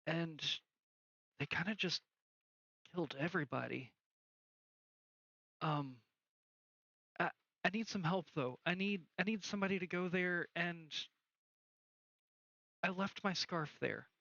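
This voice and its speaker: A man's voice: fairly high pitch, measured pace, gravelly, long pauses, bright, forceful tone, no echo, lo-fi sound, full character voice. A man voicing a small lost ghost girl trapped in a book, talking hesitantly and stammering as she pleads for help. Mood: wistful.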